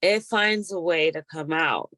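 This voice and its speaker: Chatty low-voiced woman, dry close mic. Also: unhurried, no room sound. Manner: chatty, laughs often, animated retelling. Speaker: hypnotic regression practitioner. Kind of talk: casual spiritual chat.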